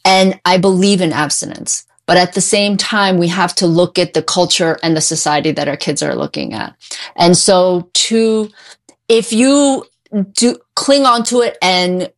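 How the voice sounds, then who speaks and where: This is a middle-aged mental health therapist, born in Korea and an immigrant from age five, whose first language is English. As a guest in a conversational interview she answers emphatically and with strong opinions, her voice low and a little slow.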